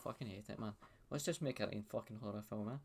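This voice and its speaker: A man's voice: on the low side, fast talker, vocal fry, a little hiss or hum. A Scottish man hosting a podcast, chatting casually over a video call in a blunt, sweary, laid-back way. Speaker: podcast host. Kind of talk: casual chat. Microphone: webcam video call.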